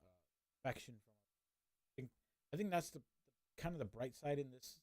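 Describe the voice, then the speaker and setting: A man's voice: medium pitch, normal speed, darkish tone, dry recording. A man streamer giving casual, rambling commentary on a story, full of fillers and hedges.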